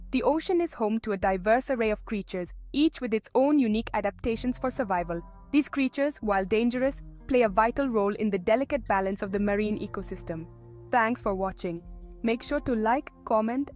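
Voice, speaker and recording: A woman's voice: on the high side, a little mellow. A woman reading scripted documentary narration.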